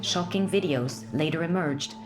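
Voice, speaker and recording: A woman narrating a news report in a measured, grave tone with a very low voice. Loud music plays under her throughout. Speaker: documentary narrator.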